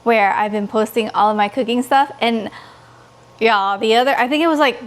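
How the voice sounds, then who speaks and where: A woman from California in her thirties chatting casually to her vlog viewers in an expressive, gushing way. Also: a little high, moderate pace, slight background noise. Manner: expressive, pleading and gushing, quotes others in dialogue. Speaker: vlogger.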